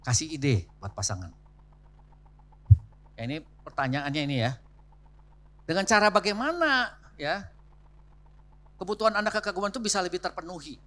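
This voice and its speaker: A man delivers a church marriage seminar in a chatty, teaching manner, full of rhetorical questions and asides to the couples. His voice is bright and forward. It sits a little on the high side. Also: expressive, normal speed, long pauses. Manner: warm, conversational teaching with frequent rhetorical asides. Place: church hall.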